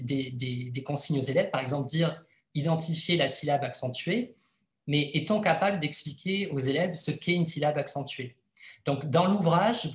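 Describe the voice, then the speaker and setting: A man presenting his book in an educational webinar, speaking hesitantly with frequent filler sounds. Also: a little high. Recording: echoey room.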